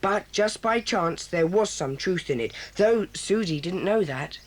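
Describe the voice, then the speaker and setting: In a 1980s children's audio drama, a performer with a mid-range, animated, unhurried voice plays a solemn, bossy boy who leads a children's club. The character speaks in an earnest, formal, commanding manner.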